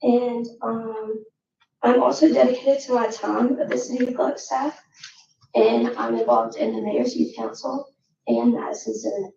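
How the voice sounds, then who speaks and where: A teenage girl, hoarse and nearly voiceless, speaking in a raspy whisper as she gives an informal prepared speech. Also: fairly high pitch, animated, a little slow, mellow. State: hoarse, voice nearly gone from cheering. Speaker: student award recipient speaking. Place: echoey municipal meeting room. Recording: roomy, distant mic, muffled, faint noise.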